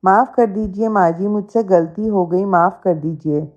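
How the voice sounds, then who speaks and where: A woman's voice: medium pitch, normal speed, darkish tone, lo-fi sound, close to an everyday voice. A woman voicing a sly young daughter-in-law who steals and blames others, in a storybook reading. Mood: pleading. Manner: sly, accusing.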